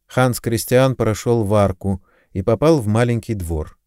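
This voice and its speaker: A man narrates a novel in a calm, measured audiobook reading. His voice is low and mellow. The recording is dry and close. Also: no echo. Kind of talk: scripted narration.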